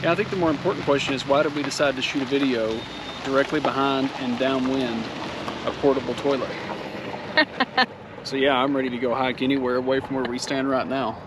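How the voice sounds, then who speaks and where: A man's voice: medium pitch, fairly even intonation, fairly quick, background noise. A man chatting casually as an RV travel vlogger, joking and wry. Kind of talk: casual vlog chat.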